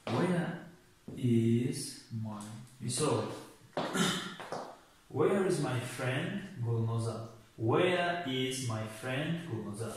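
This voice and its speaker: Guy teaching english words, lots of uhs and repeats, mic far off, hissy background. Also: mid-range voice. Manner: halting, with many filler sounds and repeated examples. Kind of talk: classroom-style language lesson. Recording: very echoey room, distant mic, clear background noise.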